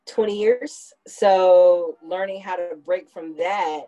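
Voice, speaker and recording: She speaks slowly in a mellow voice on the low side, keeping a steady tone, though the recording is low quality. A podcast host in her thirties, she chats casually and reflectively, taking time to explain things fully.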